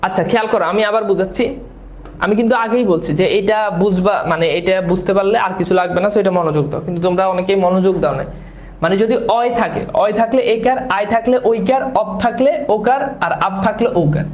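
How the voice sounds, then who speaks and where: A male teacher, explaining grammar and repeating syllables slowly while quizzing his students. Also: sits high, steady tone, darkish tone, roomy sound, rough recording. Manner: repeats sounds slowly, asks students questions. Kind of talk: grammar lesson.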